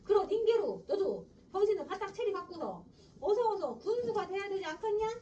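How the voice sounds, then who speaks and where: A woman's voice: very high voice, sing-song, fairly quick, mellow, highs cut off, slight background noise, pitched above the performer's own voice. A woman teacher voicing a stingy, bossy old grandfather who nags his grandson in old-fashioned speech, heard from a distance in a classroom. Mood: scolding.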